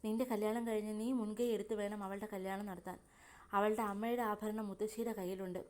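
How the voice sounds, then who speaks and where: A practical middle-aged mother gently advises her son, voiced by a woman storyteller. The voice is mellow and dark. It is a spoken storybook. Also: mid-range voice, fairly even intonation, brisk, natural voice. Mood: advising.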